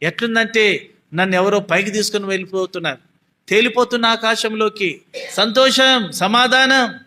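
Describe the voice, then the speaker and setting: A man shares his personal faith testimony in a very high voice. His tone is bright and forceful, and he repeats himself earnestly. At the emotional moments he drops quiet and low. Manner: earnest, repetitive, drops soft and low when moved. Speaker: believer giving a testimony.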